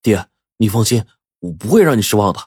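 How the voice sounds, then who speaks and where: A man voicing a desperate teenage son who pleads and cries in a strained, shouting voice. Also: fairly low pitch, sing-song, fairly quick, breathy edge, dry recording, clean studio sound, exaggerated voice. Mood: earnest. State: crying.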